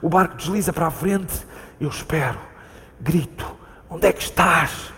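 A frightened man lost at sea, calling out again and again for a companion who is gone, as a man reads him on stage. His European Portuguese voice sits a little high and turns urgent and pleading. The long hall reverb of a live theatre reading hangs around every word. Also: normal speed, pushed and bright. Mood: haunted recounting.

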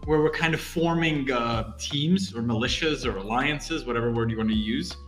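A man's voice: mid-range voice, normal speed, fairly bright tone. A man co-hosting a casual podcast, asking rambling, teasing questions. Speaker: podcast co-host. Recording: roomy sound with faint music.

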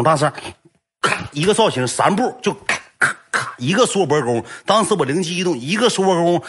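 A man with a Northeastern Chinese accent telling a comic story in an animated way, full of coarse slang and sound effects. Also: fairly high pitch.

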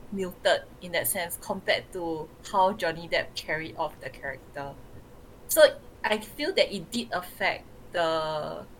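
A woman with a Singaporean accent giving her views on films in casual discussion over a voice chat. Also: lowish voice. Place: remote voice chat. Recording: clearly noisy voice chat audio.

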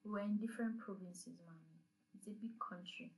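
A woman's voice: medium pitch, fairly quick, a little mellow, close to an everyday voice, rough recording. A woman reading a story aloud, voicing a wry, exasperated young daughter.

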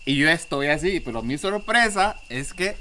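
A man's voice: on the high side, animated, moderate pace, sharp tone, slight background noise. A man animatedly telling a long, slangy story in casual chat, acting out what other people said.

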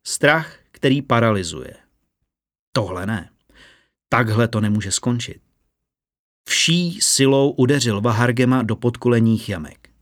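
A man narrating a fantasy story in a steady, measured audiobook reading. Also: mid-range voice, no echo, clean studio sound.

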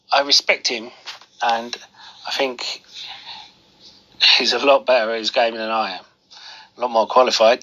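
A man hosting a money show, giving informal stock market commentary in halting pieces, his voice thick with a cold and sore, swollen throat. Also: medium pitch, pushed and bright, poor audio.

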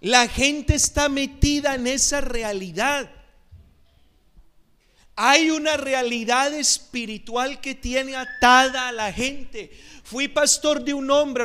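A man pastor preaching a sermon, telling lively stories and acting out the voices in them. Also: very high voice, smooth. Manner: animated, acts out voices in anecdotes. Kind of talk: sermon with storytelling. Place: church.

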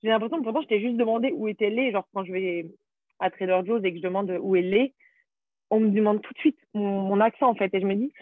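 A woman's voice: medium pitch, fast. A woman talks in French in a loose, chatty way, full of fillers and little stories. Her voice comes through thin and tinny, like a phone line. The sound is dry, with no room echo. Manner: chatty, storytelling, many fillers. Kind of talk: casual chat.

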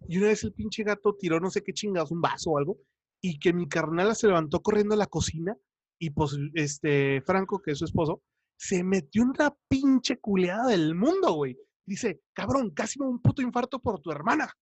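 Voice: mid-range voice, lively intonation, moderate pace, darkish tone, breathy edge, no echo. A speaker with a Mexican Spanish accent, telling crude, slangy anecdotes in a casual chat.

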